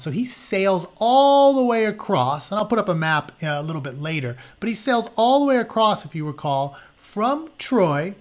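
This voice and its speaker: Reading a book aloud to his listeners, a teacher with a fairly high male voice shifts between telling the story and dropping in casual, conversational asides. He keeps it informal and explains things as he goes along.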